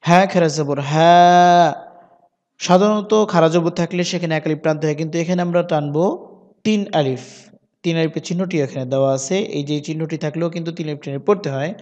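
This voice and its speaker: High-voiced man teaching Quran reading, reverberant. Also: steady tone, a little mellow, muffled recording. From Bangladesh. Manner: spells letters and vowel marks aloud, then recites slowly with long drawn vowels. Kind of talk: spelled-out Quran reading lesson with tajweed.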